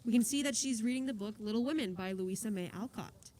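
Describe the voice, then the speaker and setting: A woman's voice: fairly high pitch, fast, mellow, slight background noise, rough recording. A woman reading stage directions aloud as narrator of a musical, in a plain, matter-of-fact way with dry little asides.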